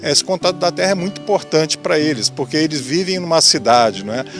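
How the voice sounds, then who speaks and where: A man's voice: fairly high pitch, animated, fast talker, faint music behind. A man, a school science teacher talking in an interview, hesitant and repeating words as he goes. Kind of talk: interview soundbite.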